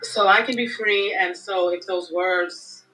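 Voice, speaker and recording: Hesitant slow-talking mother, bright tone. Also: medium pitch, steady tone, poor audio. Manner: hesitant, halting with many ums. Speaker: caller, a mother. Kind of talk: live call-in confession.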